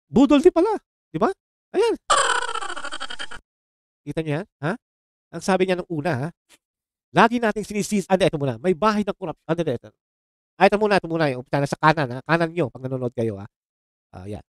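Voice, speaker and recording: A political reaction vlogger from the Philippines, his voice on the high side, vents sarcastically and heatedly to viewers he calls "mga chong." English exclamations pepper his casual commentary, and background noise is audible.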